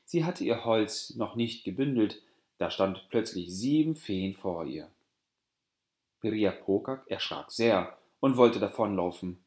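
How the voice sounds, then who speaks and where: Low-voiced male fairy-tale narrator. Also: lively intonation, measured pace, darkish tone. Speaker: audiobook narrator. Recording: roomy echo.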